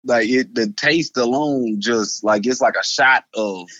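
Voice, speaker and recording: A man's voice: medium pitch, unhurried, fairly bright tone, no room sound, lo-fi sound. A man, talking loosely and repeating words in a casual conversation, laughing often. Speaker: guest.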